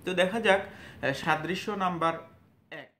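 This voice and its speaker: A man giving a spoken lesson on letter sounds, halting and full of fillers, sounding each letter out slowly and loudly. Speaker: Arabic teacher. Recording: echoey room with faint rumble.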